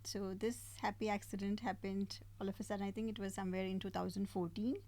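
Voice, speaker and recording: A woman's voice: medium pitch, level tone, quick pace, dark tone. A middle-aged woman from India, a guest artist, talking in eager, friendly casual chat with laughs.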